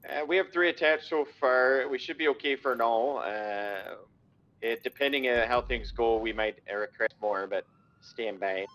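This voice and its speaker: A man playing a police officer and speaking over a police radio, terse and full of codes with hesitant pauses. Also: medium pitch, a bit bright, low-quality recording. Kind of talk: roleplay radio chatter.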